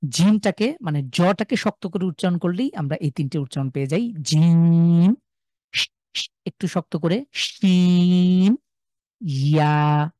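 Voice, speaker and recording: A man's voice: sits high, expressive, fairly quick, hardly any pauses, a little mellow, dry recording, studio quality. A man with a Sylheti Bengali accent teaching a live online class, patiently drawing out and repeating each sound for his students. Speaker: Quran recitation teacher.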